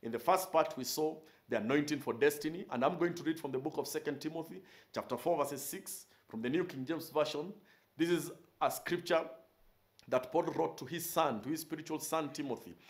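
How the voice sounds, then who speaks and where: A man's voice: fairly high pitch, fairly quick. A man in his forties, a pastor standing in a small studio, preaching a recorded sermon with emphasis and repeating his key phrases. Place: indoor studio with purple curtain backdrop.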